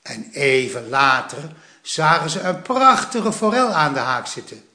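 A man reads a children's story aloud at an unhurried pace. His voice is bright, and his pitch moves in a lively way. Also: roomy sound.

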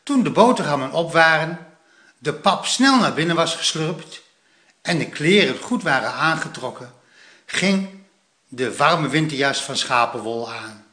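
Guy reading a kids story, slow and sing-songy, echoey. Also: fairly high pitch. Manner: slow, lively and expressive.

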